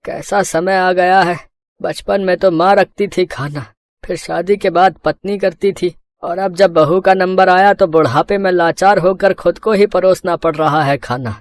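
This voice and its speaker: A woman's voice: on the low side, moderate pace, a little mellow, dry recording, voice pushed down, close to an everyday voice. A woman voicing a frail old father-in-law in his seventies or so, weary and pleading, in a storybook cartoon. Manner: weary, sorrowful.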